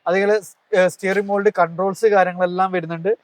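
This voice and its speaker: This used-car video host sounds high-pitched and flat, talking fast with no room sound at all. He presents the cars in an eager sales pitch peppered with tag questions, weaving English words through his Malayalam.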